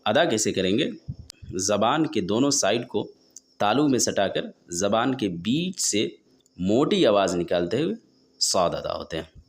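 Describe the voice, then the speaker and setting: A man teaching a tajweed pronunciation lesson, explaining how each letter is formed and repeating the sounds slowly and drawn out. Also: lowish voice. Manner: asks and answers his own questions. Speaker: Quran recitation teacher.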